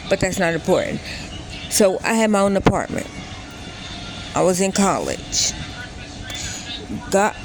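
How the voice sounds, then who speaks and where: Against background noise, a female vlogger in her late thirties with a fairly low pitch tells something from her own life. It's a casual, wandering account, and she frequently stops to fix what she's said.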